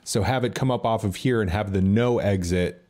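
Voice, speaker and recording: A man's voice: on the low side, normal speed, darkish tone. A man co-hosting a casual game design stream, chatty and agreeable, prone to tangents. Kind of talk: casual chat.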